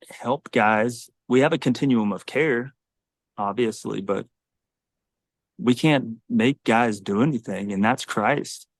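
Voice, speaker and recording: A Navy SEAL in his forties speaks earnestly and reflectively in a podcast conversation. His voice is mid-range, and the recording is dry with clean studio sound.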